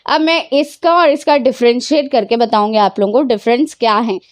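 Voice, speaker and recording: An Urdu teacher gives children a grammar lesson, patiently posing questions and answering them herself while slipping English words into her explanations. Her voice is a little high and brisk, and the recording has no echo.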